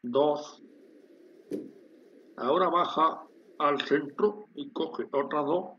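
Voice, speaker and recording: Man narrating a screen tutorial, slightly high voice. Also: very slow, bright, forceful tone. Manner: explanatory, addresses viewers with frequent "¿vale?". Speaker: instructor demonstrating a factory simulation. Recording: dull lo-fi sound with faint hiss.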